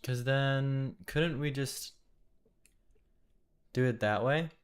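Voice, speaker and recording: A young man thinking aloud while live-coding at his desk, musing and questioning himself in halting bursts. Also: mid-range voice, clean tone. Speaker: programmer live-coding a compiler. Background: keyboard typing and clicking.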